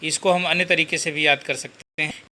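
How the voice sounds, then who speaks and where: Man teaching grammar, slightly high voice. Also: steady tone, bright, forceful tone. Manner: slow, repetitive, asks and answers his own questions. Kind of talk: classroom-style grammar lesson.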